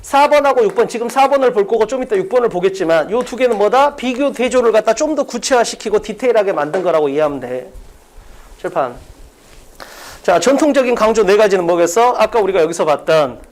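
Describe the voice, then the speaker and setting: Man, high-pitched voice, exam-prep English lecturer, brisk and emphatic, rhetorical questions. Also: lively intonation. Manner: brisk, emphatic, asks and answers his own questions. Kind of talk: classroom lecture.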